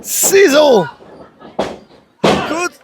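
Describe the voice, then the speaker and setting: A man with a Quebec French accent doing excitable live play-by-play as a wrestling commentator, full of exclamations. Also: extremely high pitch, drawn-out words. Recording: noisy live event, loud crowd.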